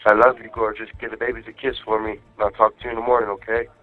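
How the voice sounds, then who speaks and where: A man's voice: fairly low pitch, little pitch movement, rapid-fire, soft background music. A man talking to his wife on a prison phone line, in a casual, slangy and affectionate way. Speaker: jail inmate calling his wife. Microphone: jail phone handset. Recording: tinny jail phone line.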